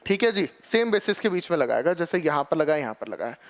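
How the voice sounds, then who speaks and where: A man with a raised, high-pitched teaching voice delivers an exam-prep biology lecture. He explains step by step, addresses the students as children, and keeps checking that they follow. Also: sing-song, fast talker. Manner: calls students "children" and "beta ji".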